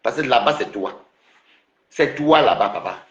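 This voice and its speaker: A man's voice: mid-range voice, lively intonation, unhurried, roomy sound, lo-fi sound. Mocking man ranting on a livestream. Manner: mocking, repetitive, laughing. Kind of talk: taunting livestream rant.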